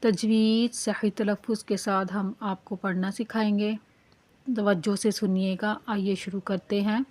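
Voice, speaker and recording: Slow, even-toned woman teaching recitation. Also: medium pitch. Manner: patient, repeats "theek hai" to check understanding. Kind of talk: slow, careful tajweed lesson with drawn-out recitation.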